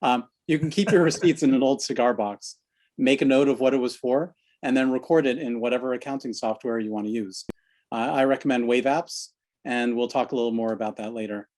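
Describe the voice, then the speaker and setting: A man presenting an online workshop over a video call, explaining in a relaxed, conversational way. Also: medium pitch, brisk.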